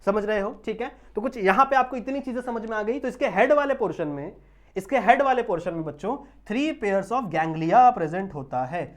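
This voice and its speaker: In an animated, high voice, a biology teacher delivers an online lecture in Hindi sprinkled with English terms. He draws out technical words slowly and repeatedly checks that students understand.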